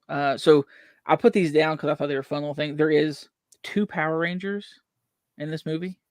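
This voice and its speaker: A young man from West Virginia co-hosts a podcast, rambling through a casual chat about movies with plenty of fillers and a Southern country accent. His voice is a little high, and the recording is dry and studio quality.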